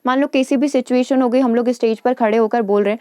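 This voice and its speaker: A woman teacher lecturing in Hindi on English teaching, reading English lines slowly and checking in with her listeners. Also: on the high side, steady tone, mellow, clear, resonant tone, dry recording, studio quality. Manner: explains in Hindi with English terms and quick check-ins.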